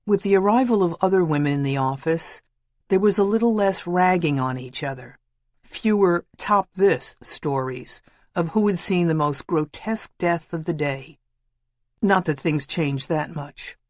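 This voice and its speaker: A woman reading a memoir audiobook in a measured, matter-of-fact way. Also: fairly low pitch, darkish tone, no echo. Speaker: audiobook narrator. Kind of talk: scripted memoir narration.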